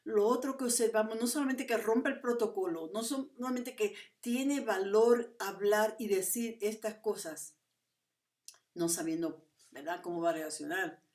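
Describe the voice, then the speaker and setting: A woman's voice: mid-range voice, measured pace, darkish tone, roomy sound. Woman preacher, storytelling sermon, rhetorical questions, distant mic.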